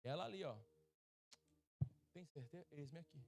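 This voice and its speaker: A man's voice: fairly high pitch, moderate pace, creaky, a little mellow. A middle-aged Brazilian man preaching as a pastor at a church service, joking and acting out voices from his stories. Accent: Brazilian Portuguese. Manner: humorous, acts out quoted voices. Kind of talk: sermon.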